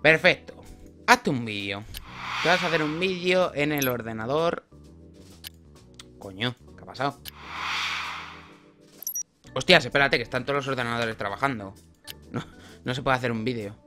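Lively joking young gamer guy. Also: medium pitch, moderate pace, pauses often, soft background music. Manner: joking, swearing, talks to game characters. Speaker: gaming youtuber. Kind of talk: casual let's play commentary.

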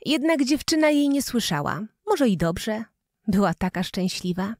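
Expressive woman reading a fairy tale. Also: a little high, moderate pace, no room sound, studio quality. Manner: expressive, playful storytelling. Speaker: storyteller. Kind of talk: fairy tale read aloud.

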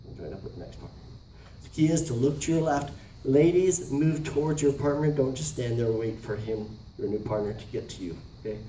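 His mid-range voice is expressive, brisk and warm as this middle-aged man demonstrates a dance, counting steps and giving short instructions. The setting is a large carpeted indoor multipurpose room, and the distant camera mic across the room captures a roomy sound with a little noise.

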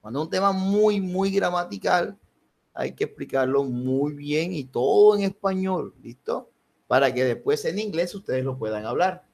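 A man's voice: a little high, expressive, unhurried, gravelly, darkish tone. A man teaching a live online English class, switching between Spanish and English and checking in with his students.

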